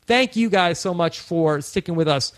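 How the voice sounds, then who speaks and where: A man's voice: sits high, moderate pace, no echo. A man hosting a podcast in a casual, rambling way with lots of fillers. His voice is tired and he is close to losing it. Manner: rambling, many "uh" fillers and restarts. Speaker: podcast host.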